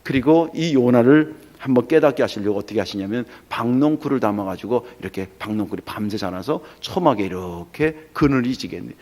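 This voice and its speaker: A middle-aged male pastor preaching a sermon in a lively, storytelling way, acting out the voices in the story. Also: medium pitch.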